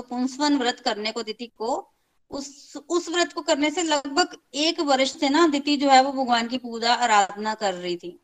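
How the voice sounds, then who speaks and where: This woman speaks in a high register on a low-quality recording. She tells a scripture story in an easygoing way, addressing her listeners, echoing phrases for emphasis, and weaving in English words.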